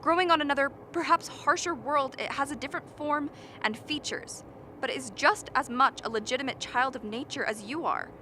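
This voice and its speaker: In a radio play, an actress voices an earnest, impatient expedition biologist who indignantly defends a frozen creature, lecturing and arguing. Her voice is high, brisk, pushed, and bright, with slight background noise.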